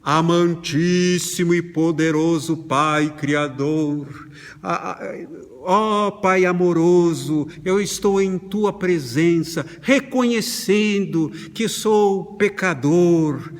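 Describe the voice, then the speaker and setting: A grandiose praying voice, slow and ceremonious with a tremble, as a man acts it out. The words stretch out, with a long hall reverb behind them. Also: on the high side. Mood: pompous. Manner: slow, grandiose, tremulous prayer tone. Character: pompous solemn adult praying in ornate words.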